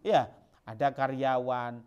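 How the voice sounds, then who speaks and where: A man's voice: medium pitch, fairly even intonation, slow pace, a little mellow, clean tone, dull audio. A male preacher, giving a chatty sermon that tells stories and jumps into acted voices. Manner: chatty storytelling, sudden jumps into acted voices, local slang.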